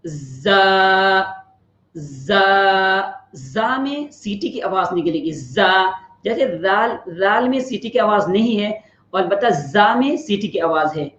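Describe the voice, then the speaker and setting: A tajweed teacher with a mid-pitched voice patiently explains Quran pronunciation, drawing out each demonstration letter slowly. The recording is lo-fi, roomy, and slightly dull.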